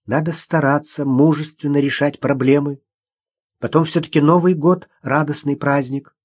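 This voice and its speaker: A gentle young mother who talks to her daughter in a soft, patient tone, as a man reads her aloud. Her voice sits a touch high and stays calm and reassuring. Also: normal speed, dry recording, natural voice. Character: young woman teacher, gentle worried mother.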